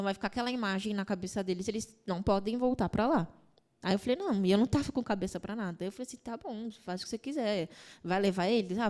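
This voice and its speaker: A young woman speaks as a podcast guest, telling a personal story at a rushing clip. Her voice sits at an ordinary middle pitch. She keeps slipping into other people's words as she retells it, earnest and emotional. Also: a little mellow. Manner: rapid, emotional retelling with quoted dialogue.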